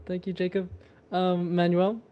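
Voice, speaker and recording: This is a man with a voice a little higher than most, hosting a relaxed meeting over a video call. He calls on people one by one and adds friendly teasing remarks. There's some faint clicking behind him. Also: unhurried, dull audio, slight background noise. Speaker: meeting host. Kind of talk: casual meeting introductions.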